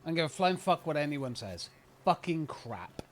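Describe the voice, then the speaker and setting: A man's voice: fairly high pitch, big pitch swings, normal speed, soft background music. A British man streaming a video game, ranting in an exasperated, profane way. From United Kingdom. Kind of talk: casual live-stream commentary.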